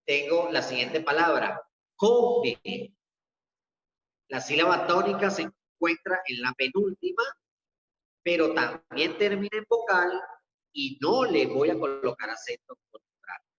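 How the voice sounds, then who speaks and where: A male teacher leading an online class and explaining each step slowly and methodically. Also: a little high, animated, a bit bright. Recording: echoey dull lo-fi room audio.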